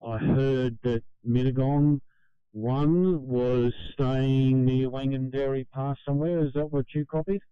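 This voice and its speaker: A man's voice: mid-range voice, steady tone, unhurried, clean tone, dry recording. An Australian man, a fire crew group leader, giving practical reports over two-way radio. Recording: slightly muffled, dry two-way radio.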